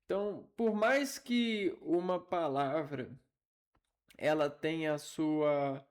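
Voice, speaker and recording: A man giving an informal linguistics lesson, halting and thinking aloud as he repeats syllables. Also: a little high. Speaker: teacher.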